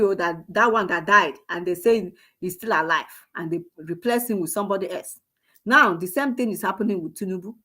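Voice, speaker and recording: A woman giving impassioned political commentary, scolding and firing off repeated rhetorical questions. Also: mid-range voice. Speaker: online commentator.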